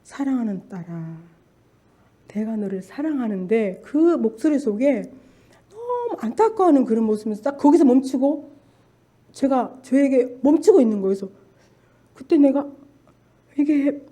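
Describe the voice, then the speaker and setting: A woman's voice: high-pitched, very animated, moderate pace, long pauses, dark tone. Older church lady telling her testimony, earnest and fervent, pushing the crowd to speak up. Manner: earnest, fervent storytelling, exhorting listeners. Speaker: church deaconess giving testimony. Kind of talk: emotional spoken testimony.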